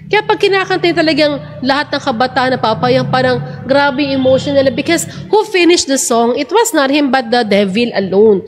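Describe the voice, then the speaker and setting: A woman's voice: sits high, brisk, long reverb tail, a little hiss or hum. A woman hosting a casual religious talk, chatty and earnest, switching between Tagalog and English. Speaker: church program host.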